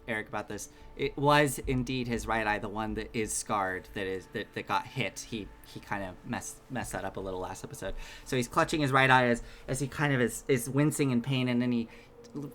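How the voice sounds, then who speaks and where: Gm guy narrating, bright voice, lots of ums, some music low behind. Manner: chatty, lots of ums and restarts. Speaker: game master. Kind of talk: narrating a tabletop game.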